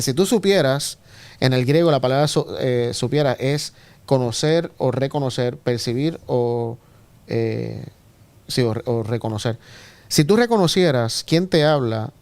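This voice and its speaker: A man's voice: mid-range voice, measured pace, darkish tone, smooth, dry recording. A man leading a casual Bible study discussion in a church group, asking others to look up verses. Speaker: Sabbath School discussion leader. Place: church room.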